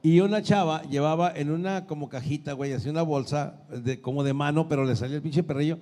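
A man's voice: a little high, fast talker, mellow, big-room sound. A man, a guest comedian telling crude stories in casual banter. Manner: crude storytelling, lots of slang.

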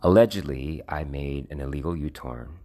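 A man from the United States hosting a podcast, telling a personal story in a measured, reflective way with a wry edge. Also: rumbling low, mellow. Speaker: podcast host. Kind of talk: scripted personal monologue.

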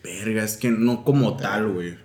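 A man's voice: on the low side, normal speed, darkish tone, reverberant. Laid-back northern Mexican man, mid voice. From northern Mexico (Sonora). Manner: laid-back, slangy, laughs easily. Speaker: podcast guest. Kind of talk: casual podcast chat.

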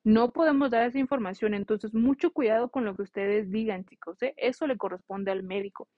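A woman's voice: on the high side, fairly quick, dry recording. A young woman nurse talking casually and earnestly to nursing students, telling a heartfelt story and giving direct advice. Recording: slightly dull, dry recording.

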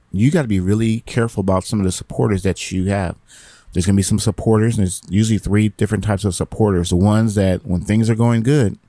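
Gravelly, low-voiced man talking casually. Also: mellow, no echo. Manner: rambling, repeats phrases, encouraging. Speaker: podcast host. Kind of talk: casual motivational talk.

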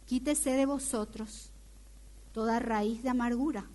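A woman preaching a sermon in a lively way, often asking her audience questions. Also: on the high side, unhurried.

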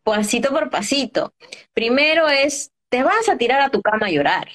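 A woman coach, a guest in an interview, giving gentle, encouraging advice on heartbreak straight to the listeners. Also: high voice, sing-song, normal speed.

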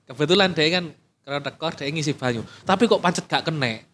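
A man's voice: fairly high pitch, fast, fairly bright tone, a little hiss or hum. A man with an East Javanese accent in casual chat, explaining things between jokes and laughter. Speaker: battery factory worker.

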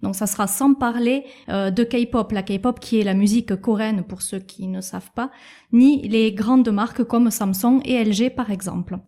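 A woman in her thirties co-hosting a casual podcast, explaining things in a measured way with soft hesitations. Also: fairly high pitch. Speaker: podcast co-host.

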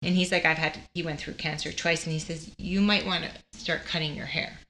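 A woman's voice: low-pitched, brisk, a little hiss or hum. A young woman telling a personal story in casual chat, acting out the voices of people she quotes. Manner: animated, acts out quoted voices. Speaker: guest sharing her cancer story.

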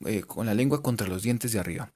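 A young man teaching English pronunciation in a casual video lesson, joking and drilling words slowly. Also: lowish voice, warm tone.

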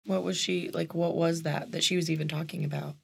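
A woman's voice: sits low, steady tone, a little fast, gravelly, breathy edge. A woman hosting a conversation, responding with empathy and chatty, filler-heavy talk. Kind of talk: conversational interview.

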